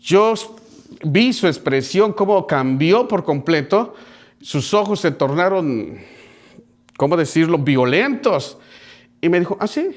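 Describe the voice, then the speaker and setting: A male pastor delivers a sermon as a personal story, speaking earnestly and turning to his listeners as brothers. His voice sits high for a man. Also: animated, takes it slowly, long pauses. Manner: earnest narrative, addresses congregation as brothers.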